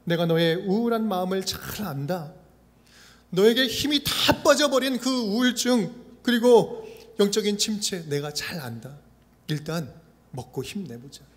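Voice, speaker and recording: A preacher voicing a gentle, tender God. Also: male voice, sits high, measured pace. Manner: soft, quiet, tender questioning. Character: gentle caring God speaking softly to a weary prophet. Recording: reverberant church sound system.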